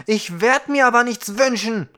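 Man doing a shrill stubborn dwarf. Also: animated, unhurried, fairly bright tone. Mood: defiant. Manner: high, shrill and defiant. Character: small stubborn male dwarf, clever and obstinate. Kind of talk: storybook reading.

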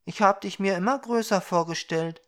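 A man voicing a small, shy girl with a soft, high, timid voice in a storybook reading. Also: moderate pace.

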